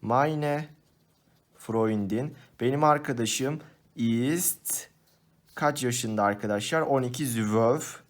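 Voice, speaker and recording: A man's voice: mid-range voice, slow pace. A man explaining exam questions in a patient, step-by-step lesson voice-over. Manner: patient, step-by-step explaining, addresses students as friends. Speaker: teacher. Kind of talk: exam-prep lesson walkthrough.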